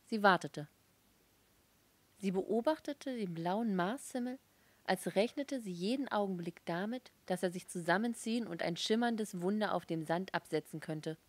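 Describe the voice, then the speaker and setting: A woman reading a novel aloud as an audiobook, in a calm, measured storytelling voice. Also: mid-range voice, no room sound. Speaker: audiobook reader. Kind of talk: scripted narration.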